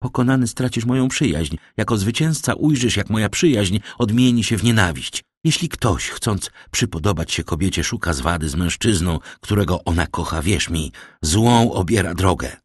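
A man's voice: on the low side, animated, moderate pace, few pauses, breathy edge, no echo, studio quality. A man voicing a poor young village woman, firm and earnest as she turns down a suitor. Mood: passionate.

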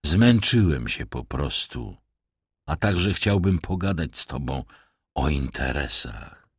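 A gruff old tramp growls and mutters , as a male audiobook reader puts him on, his voice sunk deep and hushed with a husky edge. He drawls every word with mocking, overfamiliar menace. The sound is close and dry. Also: sing-song, slow pace, no room sound, heavily acted. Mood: sly. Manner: ironic, threatening undertone. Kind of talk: audiobook character voice.

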